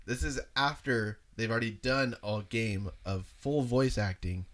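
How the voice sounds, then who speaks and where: A man's voice: medium pitch, a little slow, fairly bright tone. A man chatting casually and jokingly as he comments on game clips.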